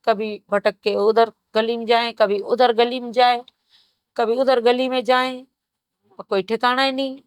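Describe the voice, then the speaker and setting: A woman in her fifties gives a grave, steady personal testimony in an interview, telling it in short phrases. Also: a little high, a little slow, no room sound. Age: 50s. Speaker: survivor interviewee.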